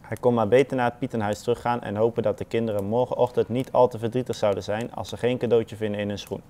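A man reading a children's story aloud in a calm, unhurried storybook manner, with soft muttered asides. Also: fairly low pitch.

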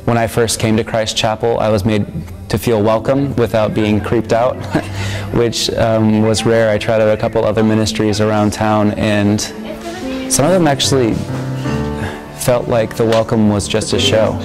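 A young man talks earnestly about his campus ministry in a recorded testimonial, pausing often with ums. His voice sits on the lower side and stays quite flat. A clear music bed plays beneath him. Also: poor audio. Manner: earnest, reflective, with frequent ums. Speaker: student member of a campus ministry. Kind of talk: interview testimonial.

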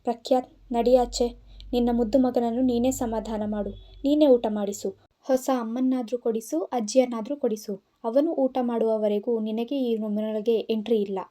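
A bossy, hot-tempered young wife in an audio storybook, voiced by a woman narrator, snapping out orders. The tone is mellow and a touch high, close to the reader's own. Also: fairly even intonation, normal speed, lightly acted. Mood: angry. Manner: scolding and commanding. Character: fiery, bossy young wife, quick to scold.

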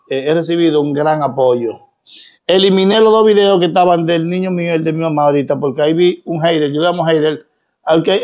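A social media personality with a Dominican accent delivers a direct-to-camera monologue to his followers. His voice sits on the high side and is a little mellow, and he talks in an emphatic, preachy way packed with rhetorical questions.

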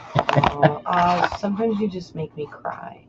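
A woman's voice: fairly low pitch, slow. A woman co-hosting a live online coin auction, reading out bidders and joining in with banter. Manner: reads out bidders, chimes in with banter. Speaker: auction co-host. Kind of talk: casual chat while calling bids. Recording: dull audio with clear hiss.

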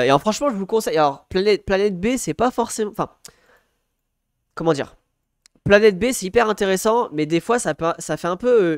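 A young man talks to his live-stream audience in a loose, rambling way, full of fillers and restarts. His voice sits a little high and comes across smooth and clear. The sound is close and dry, with no room around it. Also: dry recording. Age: young adult. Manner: rambling, many fillers and self-corrections, laughs often. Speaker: livestreamer and university student. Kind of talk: casual live-stream chat.

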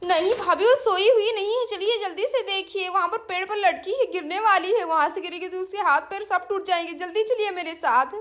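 A woman voicing a lively young woman who chatters and scolds. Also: very high-pitched, a little fast, hardly any pauses, voice pushed up. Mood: worried.

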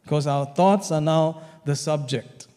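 Fervent preacher in an echoing hall. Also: male voice, a little high, measured pace, dark tone. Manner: fervent, punctuated with hallelujahs and amens. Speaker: pastor. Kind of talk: sermon. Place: church hall.

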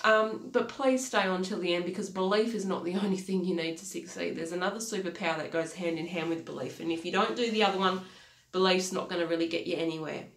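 Speaking fast in a lowish voice, a thirtysomething woman with nasal congestion delivers earnest motivation as a life coach. She keeps repeating key phrases and uses hand gestures, recorded in an echoey small home office.

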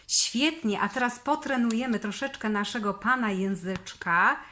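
A woman with a Polish accent leading preschool children through speech therapy exercises, giving slow, sing-song, encouraging instructions. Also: a little high, bright, forceful tone. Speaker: preschool teacher.

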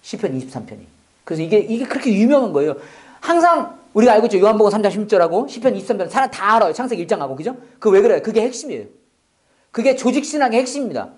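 A man preaching a sermon as a pastor, with joking asides, swinging from loud exclamations to near-whispers. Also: high-pitched, sing-song, racing.

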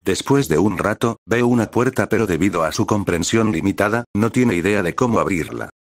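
A man narrating a fan fiction story in a steady storytelling manner. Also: on the low side, fairly quick, no room sound, clean studio sound.

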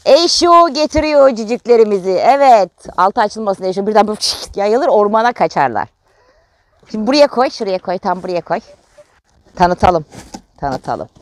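A woman's voice: mid-range voice, animated, a little fast, no room sound. A middle-aged woman from Turkey chatting casually through a home vlog and cooing affectionately to her chickens in the garden. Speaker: vlogger mother.

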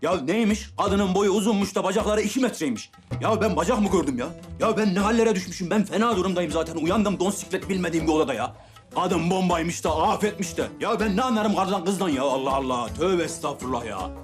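A man's voice: mid-range voice, a little fast, natural voice. Man acting a fretting older husband, sighing, exclaiming, over faint music. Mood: exasperated. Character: despairing older husband, locked out, exasperated. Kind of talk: TV series acting.

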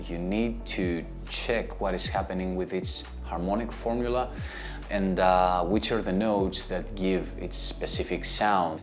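With a voice that sits low, a Greek man in his thirties casually teaches guitar by answering questions from viewers, relaxed and methodical, with many filler words. He talks to the camera while gesturing with his hands, in an indoor studio against a plain grey backdrop. Soft background music plays under his voice.

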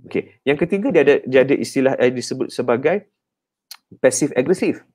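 Fast-talking Malaysian man, counselor guest. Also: mid-range voice. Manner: animated teacher-like explaining with many "ha" and "kan" tags. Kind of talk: radio talk, explaining.

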